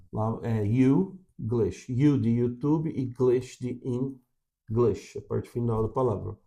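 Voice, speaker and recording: Warm-voiced Brazilian man coaching viewers. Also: mid-range voice. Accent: Brazilian Portuguese. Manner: coaching, checks in with frequent "tá?". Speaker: English teacher. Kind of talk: direct-to-camera lesson.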